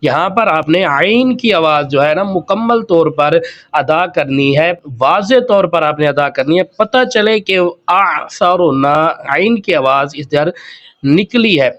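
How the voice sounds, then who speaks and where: A man teaching Quran recitation word by word, spelling each word letter by letter and drawing the sounds out slowly. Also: on the high side, lively intonation, fairly bright tone, muffled recording. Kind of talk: word-by-word tajweed lesson.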